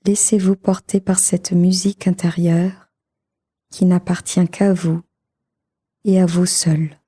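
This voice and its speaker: In a calm, soothing, measured way, a woman guides a meditation for sleep. Her voice sits on the low side and is soft, sometimes becoming breathy.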